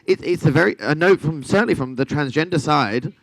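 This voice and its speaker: A man's voice: on the high side, animated, brisk, creaky, no echo, low-quality recording. A man on a podcast panel, speaking in a sassy, teasing manner that turns earnest on serious points. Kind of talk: casual group chat.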